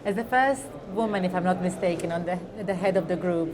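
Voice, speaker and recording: A woman's voice: on the low side, fairly quick, noisy background. A woman conducting an interview, asking polite, direct, prepared questions.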